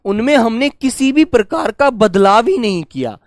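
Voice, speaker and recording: A man teaching a live online class, affectionate and repetitive, often slowing down to dictate notes to his students. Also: very high voice, expressive, dry recording, studio quality. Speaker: Hindi teacher.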